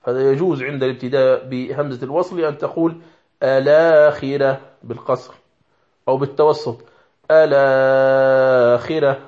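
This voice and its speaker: Man, religious lesson on recitation, measured explaining, demonstrates words aloud, muffled lo-fi sound. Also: mid-range voice, steady tone. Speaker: Quran recitation teacher. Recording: dull lo-fi recording.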